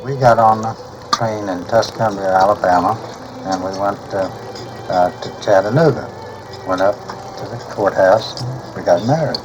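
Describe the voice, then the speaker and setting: A man in his seventies telling a personal story as an interviewee, speaking haltingly with pauses, heard from a worn tape copy. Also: fairly low pitch, over music. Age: 70s. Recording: dull worn tape with engine noise.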